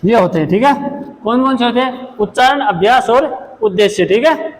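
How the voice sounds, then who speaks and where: Male lecturer, high voice, repeats each point; echoey room, faint hiss. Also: animated, moderate pace. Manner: explains then repeats each point, frequent "ठीक है". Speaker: special education lecturer. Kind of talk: classroom lecture.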